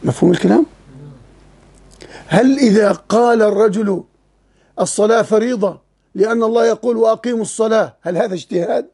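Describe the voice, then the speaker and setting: A man's voice: high-pitched, brisk, vocal fry, pauses often, warm tone, breathy edge. A man teaching Islamic legal theory to students. He talks with feeling, often laughs, repeats words as he thinks, and puts questions to his class. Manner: asks students rhetorical questions. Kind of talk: classroom lecture explaining a text to students.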